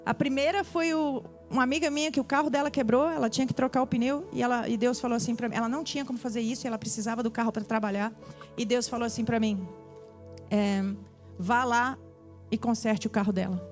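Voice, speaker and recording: A woman's voice: fairly high pitch, quick pace, faint music behind. A young woman, sharing a personal testimony in a sermon and acting out the dialogue as she goes. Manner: animated storytelling, acts out dialogue. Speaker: preacher. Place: church.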